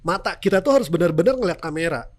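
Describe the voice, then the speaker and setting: A Sundanese-accented man, native in Sundanese, talks fast in a high, animated voice about his career as a television news presenter. Appearing as a podcast guest, he keeps the interview casual and acts out examples as he goes.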